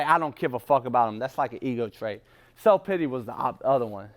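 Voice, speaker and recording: High-voiced man sharing raw and profane. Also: smooth. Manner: profane, emphatic, laughs between points; rambling with restarts and repetition. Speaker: speaker sharing at a recovery meeting. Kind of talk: raw unscripted personal share.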